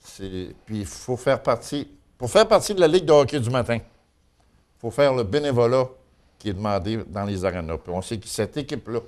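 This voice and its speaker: A man's voice: mid-range voice, animated, normal speed, a little mellow. A man with a Quebec French accent giving an informal local news chronicle in a folksy, colloquial way. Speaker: local news and gossip columnist.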